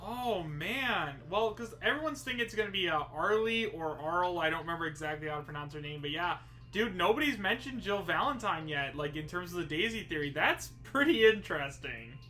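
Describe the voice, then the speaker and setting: A man's voice: high-pitched, expressive, brisk, few pauses, bright, forceful tone, faint music behind. A man hosting a casual gaming chat, talking eagerly in slang with lots of "dude" and "bro". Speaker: host.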